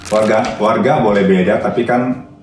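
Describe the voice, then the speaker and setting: A man guest in casual chat, telling a story in an animated way and acting out the dialogue. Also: lowish voice, normal speed, far from the mic, faint music behind. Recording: echoey room, away from the mic.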